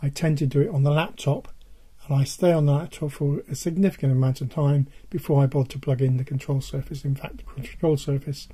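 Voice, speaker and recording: Older guy doing a casual tech video, hoarse voice giving out, really mellow, bit higher pitched, halting. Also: fairly even intonation. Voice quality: husky, dull and worn. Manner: halting, repeats points for emphasis. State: losing his voice, hoarse and giving out. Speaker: presenter of a music tech video. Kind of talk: casual product-advice talk.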